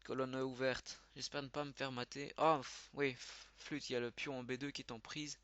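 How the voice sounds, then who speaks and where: A man giving live commentary as he plays, thinking aloud with quick muttered exclamations. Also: mid-range voice, little pitch movement, a bit bright, highs cut off. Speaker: channel host. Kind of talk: live commentary while playing.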